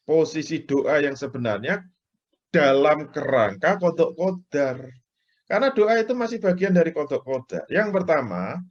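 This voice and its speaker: A man preaching an Islamic lecture, explaining everyday examples and acting out people's prayers, tinged speech. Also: fairly high pitch. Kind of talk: religious lecture. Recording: dull lo-fi lecture recording.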